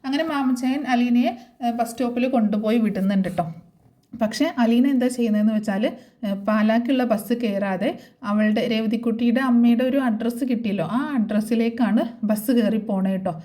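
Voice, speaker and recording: Woman talking thru a tv serial plot real fast, warm mellow voice, lots of ums. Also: fairly high pitch. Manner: chatty, many filler sounds. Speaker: serial episode recapper. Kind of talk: casual plot retelling.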